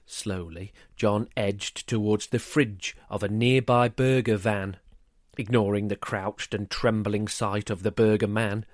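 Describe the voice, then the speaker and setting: A man narrating a rhyming children's story in a lively, expressive way. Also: fairly low pitch, a little slow, no echo, clean studio sound.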